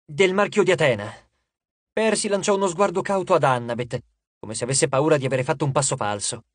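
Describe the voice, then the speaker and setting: A man's voice: fairly high pitch, brisk, no room sound. A man narrating an audiobook, reading expressively and shifting his voice for each character.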